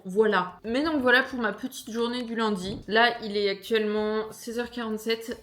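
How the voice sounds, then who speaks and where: A woman in her twenties chatting casually to camera in a vlog, playful and self-mocking. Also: mid-range voice. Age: 20s. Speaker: lifestyle vlogger.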